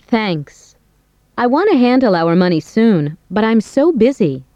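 A young woman in a recorded language-course dialogue, played by a woman, speaking in clear, careful everyday speech. Her voice is a bit high and warm and mellow. The recording is dry and somewhat dull. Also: sing-song, normal speed, no echo. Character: young woman chatting about bills with her roommate.

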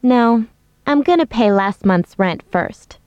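A young roommate in a language-course dialogue, voiced by a woman, clear and expressive. Her voice is fairly high and her pitch moves a lot. The recording is dry and a little muffled. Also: unhurried, no room sound. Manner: expressive, clear scripted delivery. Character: young woman roommate explaining unpaid bills.

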